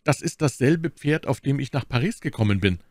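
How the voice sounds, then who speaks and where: A man's voice: mid-range voice, animated, a little fast, darkish tone, dry recording, studio quality, voice pushed up. A man voicing a bold, bantering young musketeer. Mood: hearty. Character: eager young hot-blooded male musketeer.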